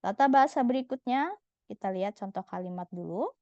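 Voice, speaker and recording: A woman's voice: medium pitch, animated, brisk, warm tone, dry recording, highs cut off. A woman teaching a language lesson in a patient, explanatory way, often checking in with her listeners. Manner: patient, explanatory, frequent "gitu ya" tag.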